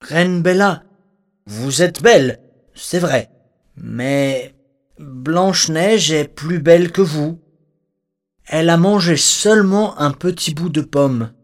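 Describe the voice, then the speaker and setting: A man voicing a truthful magic mirror in a storybook, with a measured, formal delivery. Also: on the high side. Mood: solemn.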